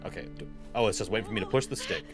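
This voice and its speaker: A man's voice: on the low side, very fast, over music. Chatty American man playing a game. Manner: chatty, laughing, bursts of speed. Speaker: gaming channel host. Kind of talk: let's play commentary.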